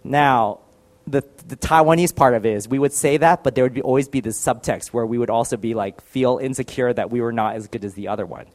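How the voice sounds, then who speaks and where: A man's voice: mid-range voice, fairly quick, a little mellow. A married man giving a personal faith testimony in a candid, self-deprecating storytelling manner. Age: adult, married.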